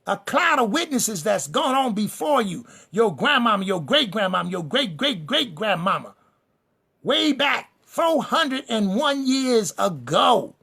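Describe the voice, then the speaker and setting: A man with a high, gravelly voice preaching a fiery sermon-style lecture. He hammers his points home in repeated refrains and lists, speaking directly to the people in front of him. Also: pushed and bright. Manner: emphatic and repetitive, addresses the listeners directly; builds lists and refrains for rhythm. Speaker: preacher and teacher.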